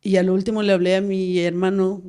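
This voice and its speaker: A woman in her forties, a guest in an interview, recounting a personal story in a measured way with restarts. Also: mid-range voice, level tone, dark tone. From Veracruz, Mexico. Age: 40s. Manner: measured, recounts with many restarts and reported speech. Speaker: guest, nurse.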